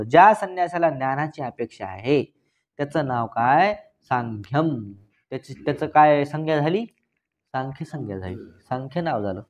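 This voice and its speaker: Higher-voiced man giving a scripture discourse. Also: a little hiss or hum. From Maharashtra. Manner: asks rhetorical questions and answers them himself; recites Sanskrit passages slowly. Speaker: Vedanta teacher. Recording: dull lo-fi recording.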